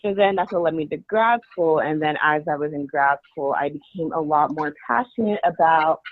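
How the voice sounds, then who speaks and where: A woman talks earnestly and without much pause as a podcast guest. Her voice comes through a tinny, phone-like line with a dry sound and no room echo. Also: low-pitched. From United States. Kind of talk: interview answers.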